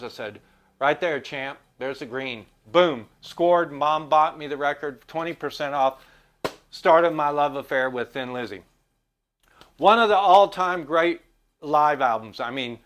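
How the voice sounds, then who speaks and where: A man's voice: fairly high pitch, a bit bright. A middle-aged man vlogging, telling a story about a record in a chatty, enthusiastic way. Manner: enthusiastic, chatty, acts out quotes. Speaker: music vlogger.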